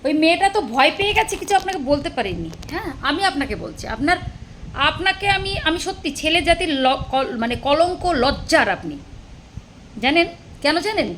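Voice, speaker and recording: Female vlogger, high and bright, sarcastic and scolding, faint background hiss. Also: lively intonation, a little fast. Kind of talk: angry rant to camera.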